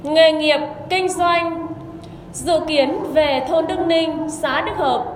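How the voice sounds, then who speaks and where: A woman reading a formal, measured official announcement as a commune radio announcer over a public loudspeaker. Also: sits high, steady tone. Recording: echoey loudspeaker, long reverb, background noise.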